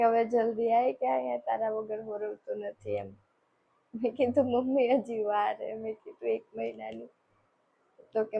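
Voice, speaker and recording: A woman's voice: a little high, vocal fry, slightly rough. A young woman chatting shyly and teasingly to her fiancé in a comic phone call skit. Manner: chatty, shy and teasing, retelling talks with family.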